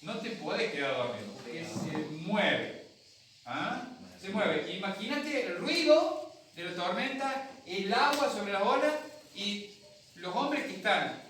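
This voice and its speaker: Male Argentine pastor, lively storyteller sermon, high voice, recorded from afar in an echoey hall. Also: takes it slowly, a little hiss or hum. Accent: Argentine Spanish. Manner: storytelling, acts out voices, talks with the congregation. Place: church hall. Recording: echoey hall from a distant mic.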